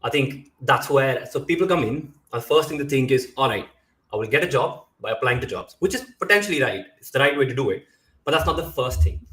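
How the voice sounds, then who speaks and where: A man's voice: medium pitch, lively intonation, brisk, fairly bright tone, reverberant, rough recording. Earnest man explaining job advice. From India. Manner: earnest, explanatory, lists points, many fillers. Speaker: career coach guest. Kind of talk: live interview advice.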